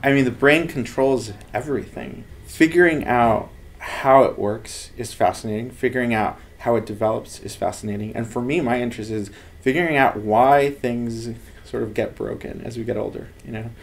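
A creaky, mid-range male voice at a moderate pace: a lab head in his thirties from Los Angeles, United States, talking earnestly and animatedly about his work. It's a casual interview recorded indoors in an office lined with bookshelves.

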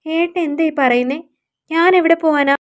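A woman voicing a hurt young housewife who pleads and complains softly. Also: high-pitched, moderate pace, voice pushed up, natural voice. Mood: pleading.

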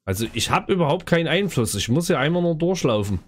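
A man's voice: a little high, sing-song, quick pace. A man giving casual let's play commentary on a horror game, a scared, jumpy streamer who talks to viewers and to the game's characters.

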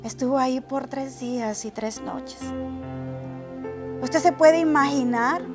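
A woman's voice: high voice, slow, over music. A woman pastor preaching a sermon in an impassioned, pleading way.

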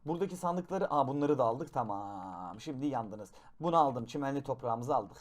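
A young man giving excited gameplay commentary, shouting in bursts, then dropping to low mutters, and making gun noises with his mouth. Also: moderate pace. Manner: excitable, shouts and swings between loud outbursts and low mutters; makes gun sound effects with his mouth. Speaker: gaming YouTuber.

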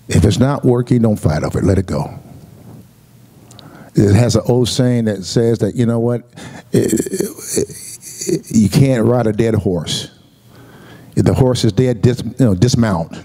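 A man's voice: mid-range voice, warm tone, breathy edge. A man preaching a Sunday sermon as pastor, calling out to the congregation and repeating words as he builds his points. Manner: preaching with call-and-response asides; repeats words and restarts often.

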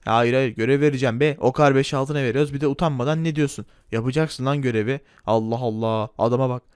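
A man voicing a grumpy, bossy middle-aged male grocer in a game role-play, gruff and scolding. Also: medium pitch, quick pace, a little mellow, no room sound, studio quality, voice pushed down, close to an everyday voice. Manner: gruff, scolding, barks orders.

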